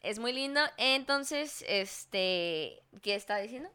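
Young Mexican woman, podcast co-host, high and bright, boisterous and profane. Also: animated, slow pace, smooth. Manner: loud, laughing, swears a lot. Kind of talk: casual podcast chat.

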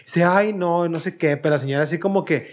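A man's voice: a little high, quick pace. A young man with a Mexican Spanish accent, co-hosting a podcast and telling a story in slangy casual chat, often laughing. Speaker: podcast co-host.

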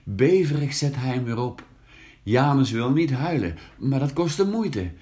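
Slow, lively male storyteller. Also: medium pitch. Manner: slow, lively storytelling with raised voices for characters. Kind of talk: reading a children's story aloud.

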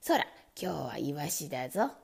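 A woman voicing a gruff, hot-tempered grown man who grumbles in a low voice. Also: sing-song, moderate pace, a little mellow, exaggerated voice. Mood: grumbling. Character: gruff angry grown man, red-faced householder.

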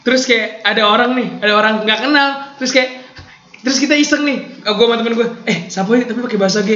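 A man's voice: very high-pitched, quick pace, sharp tone. A man with a Jakarta accent, chatty and joking, talking casually in Jakarta slang. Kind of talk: casual chat with anecdotes. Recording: muffled, echoey room.

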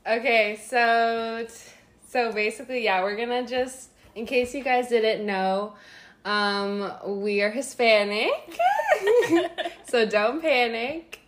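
Giggly young woman, slow halting chat. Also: fairly high pitch, fairly bright tone, a little hiss or hum. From United States. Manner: giggly, halting, lots of fillers. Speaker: co-host. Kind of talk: casual chat.

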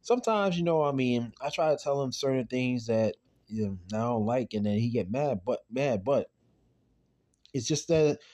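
A man casually recapping a TV episode on his podcast, rambling with lots of "I mean" and "though", and talking quietly about his late father. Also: medium pitch, expressive, normal speed.

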